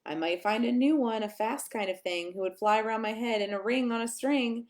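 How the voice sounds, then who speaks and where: A woman whose voice sits fairly high reads a picture book at children's storytime. She is animated and sing-song, with pointed pauses and little remarks aimed at her audience.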